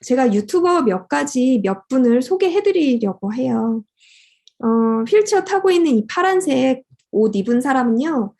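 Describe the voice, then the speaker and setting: Earnest woman lecturer, lively mellow voice. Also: on the high side. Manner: earnest, acts out quoted prayers. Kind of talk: motivational lecture.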